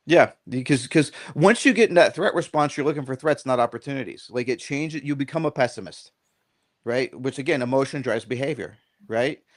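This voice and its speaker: A middle-aged dog trainer appears as a podcast guest, talking casually and rambling a bit, with a medium-pitched voice at a slightly fast pace. He's an animated storyteller, often checking in with "right?" and acting out little quoted lines.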